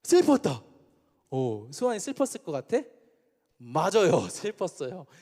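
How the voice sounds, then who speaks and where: A man's voice: fairly high pitch, wildly swooping pitch, a little slow, warm tone. A man in his thirties preaching a youth sermon, asking the students questions and answering them himself. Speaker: youth pastor. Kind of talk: sermon to teenagers. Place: church hall. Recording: reverberant church hall.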